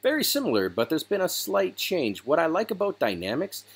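Over a screen recording, a man walks through a software tutorial step by step in a casual, relaxed way. His voice sits fairly high, moves a little fast and has a slightly rough texture.

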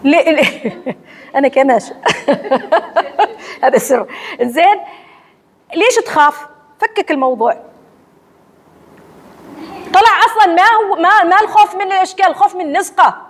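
A woman with an Omani accent giving a religious lecture to women in a mosque hall, asking and answering her own questions in a lively teacherly way. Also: very high-pitched, fairly quick, long pauses. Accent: Omani Arabic. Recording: long hall reverb.

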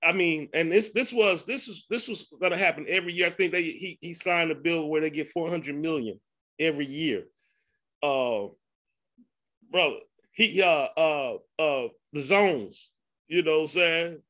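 A man's voice: fairly high pitch, normal speed, a bit bright. A man hosting a podcast, talking loosely and laughing often, with 'man' tacked onto his sentences. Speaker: podcast host. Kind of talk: casual conversation.

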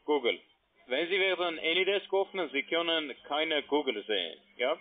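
A native English speaker poses as tech support and presses instructions in broken German, getting the word order wrong, over a tinny phone line. He sounds on the high side, with lively intonation at a normal speed.

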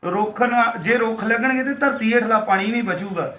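A man's voice: sits high, normal speed, sharp tone, reverberant, a little hiss or hum. A man from Punjab playing a husband who earnestly lectures his wife about loving nature, in a home-made short film. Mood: lecturing.

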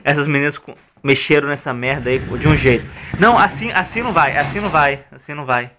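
A young Brazilian man with a slightly high voice urges people on in repeated short exclamations. He talks casually and swears, caught on a handheld camera with some noise. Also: quick pace. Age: young adult. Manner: urging, repetitive exclamations, swearing. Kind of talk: casual chat while moving furniture. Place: small laundry room by an outdoor entrance. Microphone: handheld camera or phone. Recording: noisy handheld amateur video with clicks.

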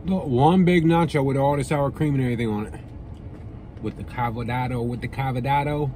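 Man, casual vlog host, chewing while talking, excited, slangy, repeats himself, faint background noise. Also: medium pitch, a little fast. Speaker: food review host. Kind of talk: casual food review vlog.

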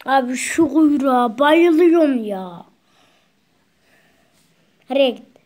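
Woman chatting to her viewers at home, high voice, slow and easy, sweet-talking her pet. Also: expressive, darkish tone. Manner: keeps addressing viewers as friends, coos at the bird. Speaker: vlogger showing a pet parrot. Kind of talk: casual home video talk. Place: at home indoors.

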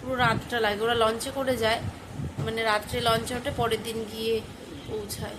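A woman's voice: little pitch movement, normal speed. Feverish, tired woman vlogger. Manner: tired, low-key and subdued. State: feverish and worn out. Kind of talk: casual vlog narration. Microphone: phone camera. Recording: noisy home phone recording.

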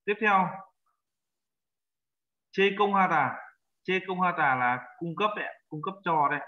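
Man, language teacher, patient, repeats words for learners, fairly high voice, dull lo-fi sound. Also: expressive, unhurried. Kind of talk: language lesson.

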